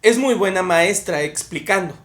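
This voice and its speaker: A woman's voice: lowish voice, animated, moderate pace, a bit bright. A young woman, a podcast co-host in casual conversation who argues her point at length and laughs at herself. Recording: echoey room.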